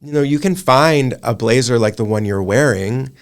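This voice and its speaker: A man's voice: medium pitch, moderate pace, smooth. A man in his thirties, an image consultant, talking through his ideas at length in a casual interview. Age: 30s. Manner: thoughtful, talks in long run-on thoughts with restarts.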